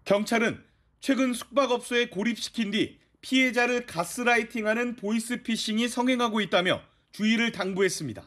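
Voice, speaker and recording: Male news reporter, noticeably high register, scripted report narration. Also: brisk, fairly bright tone.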